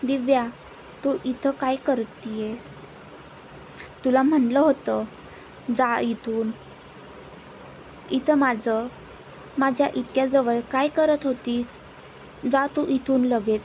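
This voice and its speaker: A woman's voice: high voice, steady tone, slow pace, long pauses, darkish tone, slight background noise, rough recording. A woman reading as a weary, troubled young man. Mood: irritated.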